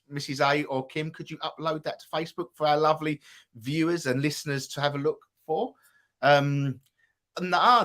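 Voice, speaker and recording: A man's voice: fairly high pitch, fairly bright tone. Chatty Essex man hosting. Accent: Essex English. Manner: chatty, rambling with restarts. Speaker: host. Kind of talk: live podcast chat.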